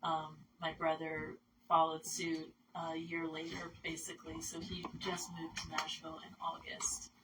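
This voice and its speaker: A woman's voice: sits low, completely flat delivery, unhurried, hardly any pauses. A woman from Massachusetts, a musician guesting on a radio show, chatting casually with many fillers. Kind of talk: casual interview talk. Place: radio studio. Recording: distant mic with faint noise.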